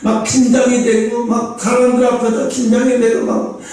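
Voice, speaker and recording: High-pitched guy preaching in church, big echo, mic kinda far off, keeps throwing questions at the crowd. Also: moderate pace, faint music behind. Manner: animated preaching, swings from loud bursts to low asides; speaks directly to the congregation with rhetorical questions. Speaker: pastor. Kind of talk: sermon. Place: church sanctuary. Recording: echoey church hall, mic at a distance.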